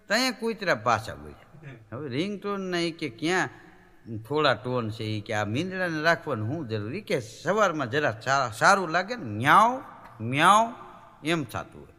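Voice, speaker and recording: Animated male comedian telling jokes in a big hall. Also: high-pitched. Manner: animated storytelling, acting out voices and animal sounds. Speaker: folk comedian. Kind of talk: live stage joke-telling. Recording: reverberant hall recording.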